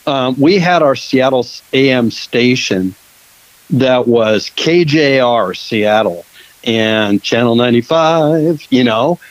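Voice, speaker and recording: A man's voice: mid-range voice, animated, slow pace, no room sound, low-quality recording. A man from Western Washington hosting a casual interview, rambling with many fillers and restarts. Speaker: podcast host and producer.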